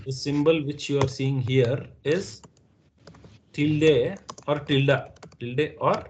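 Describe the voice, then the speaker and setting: A man's voice: medium pitch, takes it slowly, background noise. A man with an Indian English accent teaching a live online class, patiently repeating points and checking that students understand. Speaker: instructor.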